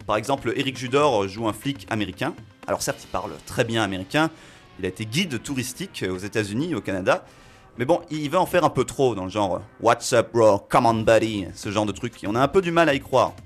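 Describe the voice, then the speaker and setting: A man reviewing a film on a local radio show, talking in an animated way with fillers as he works through his points. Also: medium pitch. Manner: animated, reasoning aloud with fillers. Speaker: film critic.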